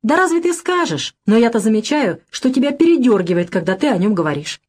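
Audiobook: excitable sharp-tongued young sister, read by a woman, high and abrupt. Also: fairly quick. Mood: excitable, mocking. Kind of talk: audiobook reading.

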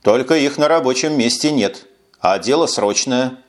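A man's voice: medium pitch, lively intonation, moderate pace, close to an everyday voice. A man voicing a young male duty officer who explains himself nervously and apologetically in an audiobook. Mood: apologetic.

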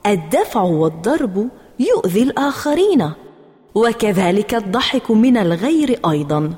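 A woman voicing a kindly kindergarten teacher in a storybook reading, with a gentle, reassuring manner. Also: mid-range voice, big pitch swings, moderate pace, slightly rough. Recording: roomy reverb with soft music.

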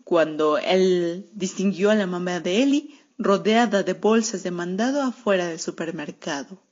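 A woman's voice: on the low side, moderate pace, a little mellow. Woman reading a story with wry sarcasm. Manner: wry, sardonic first-person narration as a cat. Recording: muffled lo-fi radio recording.

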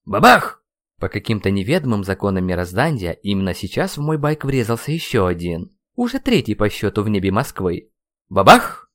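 A man's voice: fairly low pitch, very animated, a little fast, few pauses, darkish tone. A man reading a fantasy audiobook as a first-person narrator, telling the story expressively. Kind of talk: scripted narration.

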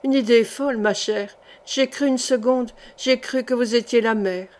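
A woman voicing a cold, cruel queen who speaks calmly and coldly and threatens with quiet menace, in an audiobook reading. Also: fairly high pitch, moderate pace, natural voice. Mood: icy, menacing. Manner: calm, then icy and threatening.

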